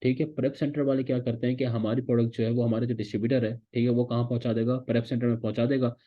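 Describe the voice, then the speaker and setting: A man teaches a recorded online course at a brisk, rapid clip, walking through each step and checking in constantly. His voice sits at an ordinary pitch for a man. The recording is dull and lo-fi. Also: level tone. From Pakistan. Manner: repeats "theek hai" as a check-in, explains step by step. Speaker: course instructor.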